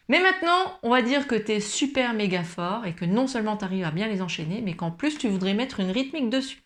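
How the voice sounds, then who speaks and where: A woman giving a patient guitar lesson, explaining chords slowly and singing short examples. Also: mid-range voice, lively intonation. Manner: patient, explains slowly, sings along softly. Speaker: guitar teacher. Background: acoustic guitar playing.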